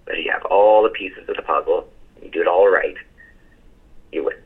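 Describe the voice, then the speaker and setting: A hoarse man, who says he has lost his voice, speaking earnestly as a senior partner on a call, with fillers and restarts. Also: low voice, a little fast. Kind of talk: casual motivational reply. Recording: tinny phone line.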